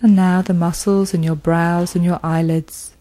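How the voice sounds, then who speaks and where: A woman leading a guided progressive muscle relaxation, speaking in a slow, soothing manner with long pauses. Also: on the low side, little pitch movement, mellow, poor audio.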